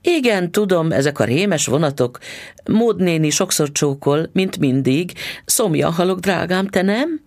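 A man reading a storybook voices a chatty, affectionate wife with a gushing, lilting manner and a creaky, husky tone. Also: on the low side, lively intonation, a little mellow, pitched above the performer's own voice. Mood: sweetly gushing.

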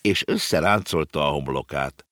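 A man narrating a children's storybook with an animated, expressive reading. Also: very deep voice, dry recording, studio quality.

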